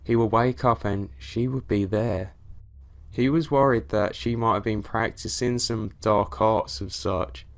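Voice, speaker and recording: A man reading out scripted horror stories in a steady, even storytelling delivery. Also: fairly low pitch, a little slow, creaky. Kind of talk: scripted narration of reader stories.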